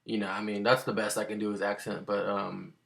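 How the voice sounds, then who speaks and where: A man's voice: on the low side, flat delivery, a little fast, gravelly, fairly bright tone. A man casually telling a rambling, slangy story to the camera, full of fillers and asides.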